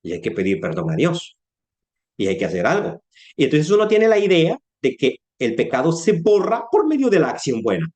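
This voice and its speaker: A man preaching a Bible sermon, telling stories in an animated way and acting out dialogue. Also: on the high side, fairly quick. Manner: animated storytelling with acted-out dialogue.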